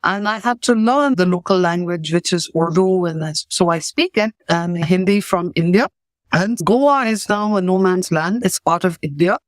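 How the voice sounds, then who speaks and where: A Pakistani woman who speaks English as her first language, a certified coach, earnestly and reflectively tells her story in a video-call interview. Her voice is lowish, her pace moderate, and the recording has no room sound.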